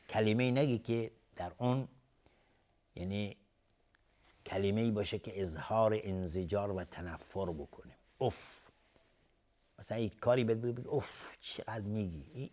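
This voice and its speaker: Teaching the rules of Quran recitation, a Persian-accented man with a fairly low pitch chants verses slowly and loudly. Each rule then gets a quick, plain spoken explanation.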